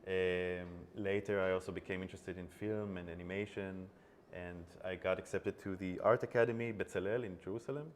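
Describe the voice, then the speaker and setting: A man from Israel, an animation studio co-founder, speaking on a panel in a measured way that trails off softly at phrase ends. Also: sits low, fairly even intonation. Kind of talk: panel talk. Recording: long hall reverb, faint background noise.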